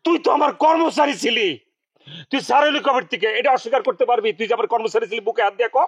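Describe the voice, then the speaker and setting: An actor playing a hot-tempered, jealous husband in a comedy serial, ranting in with a husky voice. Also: male voice, high-pitched, fairly quick, no room sound. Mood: outraged. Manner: theatrical ranting, mocking questions.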